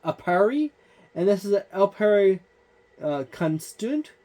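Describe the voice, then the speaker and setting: Speaking at a measured pace in a warm, mid-range voice with lively intonation, a tabletop gaming host pages through a book. The walkthrough is casual and rambling, heavy on fillers, and the host keeps pointing things out on each page.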